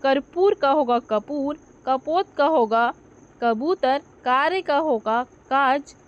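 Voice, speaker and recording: High-voiced woman teaching slowly. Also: animated, dull audio. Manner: explains with questions she answers herself, self-corrects. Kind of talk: Hindi grammar lesson.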